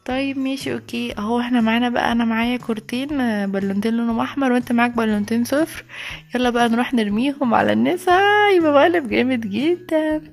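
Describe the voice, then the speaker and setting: A woman's voice: on the high side, rapid-fire, gravelly. A woman with an Egyptian accent voicing a giggly, chatty schoolgirl accomplice in a toy play video. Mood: excited. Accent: Egyptian Arabic.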